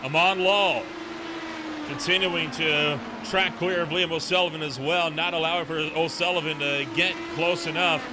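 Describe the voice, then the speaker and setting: Male motorsport commentator, slightly high-pitched, conversational live race calling over clear engine noise. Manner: conversational, checks points with "right?". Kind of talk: live sim racing play-by-play commentary.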